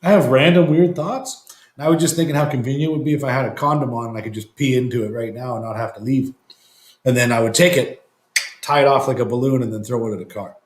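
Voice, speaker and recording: A man's voice: mid-range voice, quick pace. Laughing, joking man in an echoey room. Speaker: co-host. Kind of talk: casual chat.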